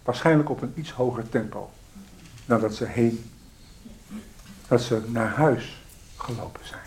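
A man preaching a sermon, swinging between loud pleading prayer and hushed, reflective murmurs. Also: mid-range voice, a little slow, a little hiss or hum.

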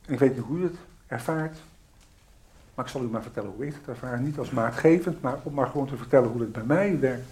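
A man preaching a sermon, swinging between loud pleading prayer and hushed, reflective murmurs. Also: mid-range voice, fast talker, slight background noise.

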